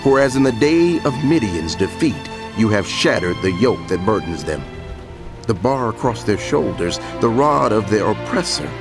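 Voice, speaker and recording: A man giving a solemn, declamatory dramatized scripture reading with deliberate pauses. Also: fairly low pitch, big pitch swings. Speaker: scripture narrator. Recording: music bed under the voice. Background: background music.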